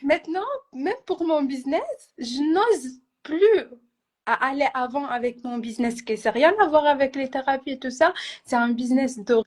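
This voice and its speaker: A woman of Moroccan family raised in Italy, speaking French as a coaching participant, hesitant and halting, restarting her phrases. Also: high voice. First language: Italian or Arabic. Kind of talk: personal conversation.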